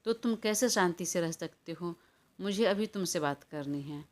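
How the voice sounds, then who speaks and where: A woman's voice: lowish voice, normal speed, close to an everyday voice. A woman voicing a stubborn, hot-tempered young woman who quarrels and makes demands, in a storybook reading. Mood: angry.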